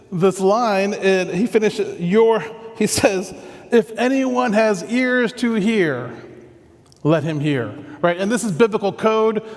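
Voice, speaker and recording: A man pastor giving a conversational, earnest sermon that often drops into soft, reflective tones. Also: sits high, big-room sound.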